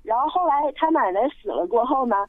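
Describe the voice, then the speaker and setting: A woman's voice: high voice, expressive, fast talker, no room sound. A woman from Sichuan calling into a radio show, telling a ghost story with many hesitant fillers over the phone. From Sichuan, China. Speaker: radio call-in listener. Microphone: telephone. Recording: tinny dry phone line.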